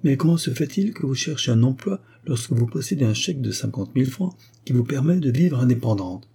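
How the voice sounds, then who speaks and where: A man's voice: medium pitch, lively intonation, a little fast, vocal fry, warm tone, slightly rough, pitched above the performer's own voice. A man voicing a stern, wealthy American father who questions in a commanding manner. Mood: stern questioning.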